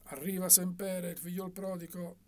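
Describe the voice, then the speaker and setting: A man reading an audiobook and voicing a pompous, sharp-tongued older bookseller with a theatrical, mocking manner and a husky voice. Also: mid-range voice, moderate pace, close to an everyday voice. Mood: grandly ironic.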